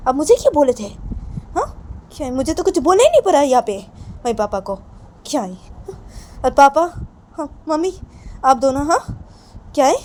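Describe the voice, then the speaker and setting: A woman's voice: high voice, sing-song, moderate pace, pauses often, darkish tone, pitched above the performer's own voice. A woman voicing an upset young woman who pleads with her parents and keeps repeating reproachful questions.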